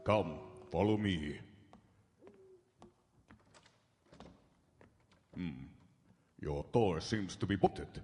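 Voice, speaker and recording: Sinister vampire count, very low, slow, courteous, menacing, live radio drama. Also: male voice, dark tone, slight background noise. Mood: silky menace. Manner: slow, formal, ominously polite delivery. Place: large hall stage, live broadcast. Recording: live theatre hall, long reverb.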